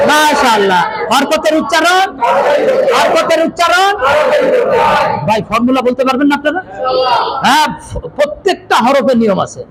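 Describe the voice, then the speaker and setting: A man teaching a Quran reading class, drilling letter rules loudly and having the students repeat after him. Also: very high voice. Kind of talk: classroom teaching with call and response. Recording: loud room noise and crowd.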